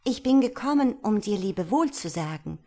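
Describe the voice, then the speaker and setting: A woman's voice: lively intonation, measured pace, warm tone. A woman reading a fairy tale aloud and voicing a kind-hearted, loyal little female swallow in a raised, pleading voice. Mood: tender. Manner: high pleading storytelling voice.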